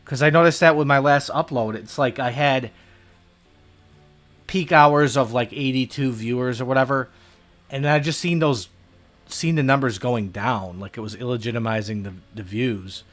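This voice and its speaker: Man, casual gaming stream chat, hesitant and rambling, soft music in the background. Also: mid-range voice, normal speed. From United States. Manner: rambling, hesitant, self-deprecating.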